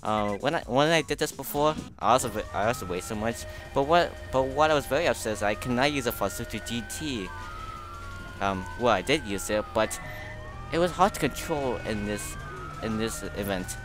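A man giving unhurried, relaxed game commentary in a low voice, halting often and repeating words as he explains. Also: music in the background. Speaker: gaming video host. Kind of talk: recorded gameplay commentary.

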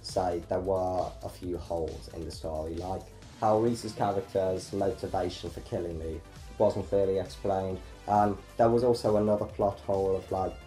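Here a young man, a filmmaker and channel host, gives a chatty, self-deprecating behind-the-scenes talk about his film. He speaks at a moderate pace in a deep, mellow voice with fairly even intonation. Faint music and a roomy echo are audible.

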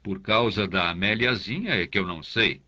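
A man's voice: lowish voice, normal speed, pushed and bright, lo-fi sound. Man doing a servile, timid curate. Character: servile timid middle-aged male curate. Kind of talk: audiobook character voice.

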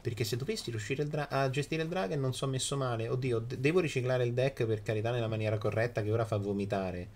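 A man's voice: medium pitch, quick pace, hardly any pauses, darkish tone. Emphatic game streamer guy, noisy background. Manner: emphatic, exasperated exclamations and crude swearing; repeats phrases for emphasis. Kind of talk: live mobile game commentary. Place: small indoor streaming room.

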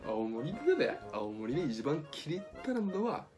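A man with a Tsugaru dialect voicing a blunt, teasing magic mirror in a storybook reading, talking roughly with hesitant fillers. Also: on the high side, big pitch swings, brisk. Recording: music playing behind.

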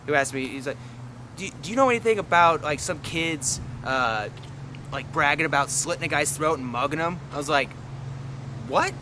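A man's voice: fairly high pitch, moderate pace, background noise. A man in his twenties telling a story outdoors in the woods, acting out the voices of the people in it. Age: 20s. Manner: acts out quoted voices. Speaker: interviewee. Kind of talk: animated storytelling.

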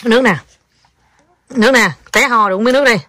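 A mother with a Southern Vietnamese accent talking to her toddler at home, coaxing and gently scolding in a casual chatty way. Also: fairly high pitch, fast talker. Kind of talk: casual home video chat.

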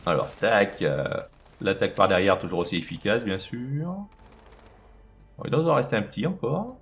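A man's voice: fairly low pitch, animated, normal speed, faint music behind. A man casually commenting on his own video game play, chatting to himself and to the enemies on screen.

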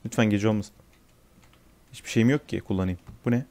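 Playing a horror game for his let's play, a young gaming YouTuber curses, says sorry to his viewers, and panics with shrieks when frightened. He talks a little fast in a lowish, slightly mellow voice.

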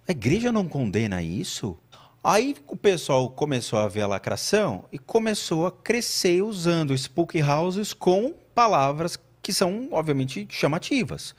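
A man chatting as a podcast guest, telling a story with lively delivery and acting out what others said. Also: fairly high pitch, husky. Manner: animated storytelling, acts out quoted voices. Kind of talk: casual chat.

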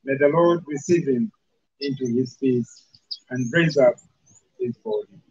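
A man officiating at a burial, reciting the committal prayer in a solemn, measured way. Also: medium pitch, a little mellow, slightly rough, no room sound. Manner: solemn, measured liturgical delivery. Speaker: officiating minister. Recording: dull lo-fi recording.

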